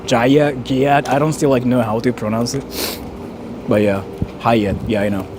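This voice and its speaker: Chatting casually on a live stream, this man from Japan, in his 30s, reads viewer donations aloud and jokes around, leaning heavily on "like." He has a medium pitch with fairly even intonation and a measured pace, and the background is noisy.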